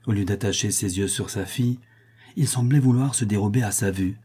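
A man narrates a classic novel in a measured, expressive manner. His voice is low and dark with a husky grain, and he takes the sentences at a steady pace. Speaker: audiobook narrator.

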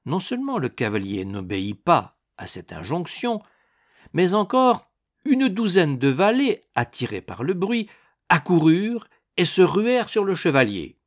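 Man reading a swashbuckling audiobook, slow and very lively, big dramatic swings. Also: on the high side. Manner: dramatic, expressive storytelling. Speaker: narrator. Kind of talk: audiobook narration.

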